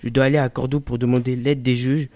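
A man's voice: mid-range voice, little pitch movement, fast talker, darkish tone, no echo, close to an everyday voice. A man playing a proud, guarded bandit in a read-aloud drama, terse and clipped. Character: proud male bandit traveler, guarded and brusque. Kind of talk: audiobook drama role.

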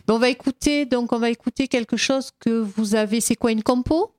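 A woman hosting a radio interview, animated and playful, laughing often with her guests in the studio. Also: fairly high pitch, a little fast. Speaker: radio host.

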